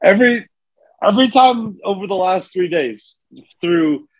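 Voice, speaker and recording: Podcast co-host, male, husky, lively pitch, dry close mic, playful banter. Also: a little slow, dry recording, highs cut off. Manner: playful, joking, animated. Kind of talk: casual chat.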